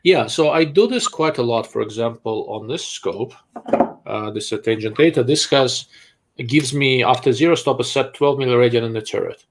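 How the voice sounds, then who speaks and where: A man with a Russian accent hosts a live-stream Q&A at a moderate pace, his voice mid-range. When viewers ask questions, he responds bluntly with a dry, sarcastic streak.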